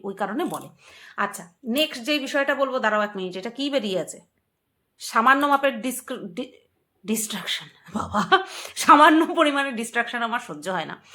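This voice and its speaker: A young woman from Bengal talks straight to her viewers in a loose, chatty vlog. Her voice is bright and sits a little high, and she leans on words, repeating them playfully as she makes her points. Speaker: vlogger. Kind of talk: casual commentary to camera.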